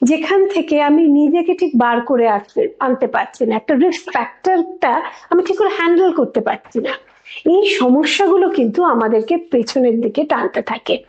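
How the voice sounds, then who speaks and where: A woman psychologist with a Bengali accent from West Bengal, calmly explaining things to parents and posing rhetorical questions. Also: sits high. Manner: calm, asks rhetorical questions. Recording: echoey room, dull lo-fi sound.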